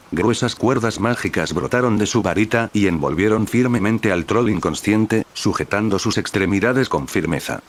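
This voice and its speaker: Guy reading a fanfic story out loud, really low voice, steady and even. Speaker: narrator. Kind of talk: scripted fanfic narration.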